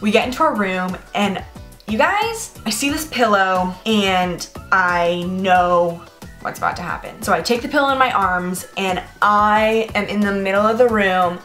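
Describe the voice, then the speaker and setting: A woman's voice: medium pitch, faint music behind. Swearing young woman telling a wild story. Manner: animated, profane, fast bursts with lots of "like". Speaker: vlogger. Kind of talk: storytime monologue.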